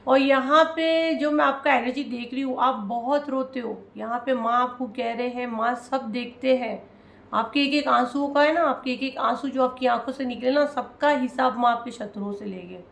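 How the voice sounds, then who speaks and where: A woman with a somewhat high, gravelly voice gives a tarot reading to her viewers. She talks in an emotional, consoling way and addresses them directly. The sound is echoey, as if from a bare room. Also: normal speed, a bit bright. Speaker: tarot reader.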